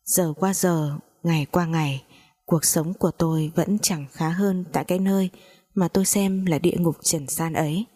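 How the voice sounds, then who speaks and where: Low, mellow woman storyteller. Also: fairly even intonation, normal speed. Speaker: narrator. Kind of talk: first-person storytelling narration.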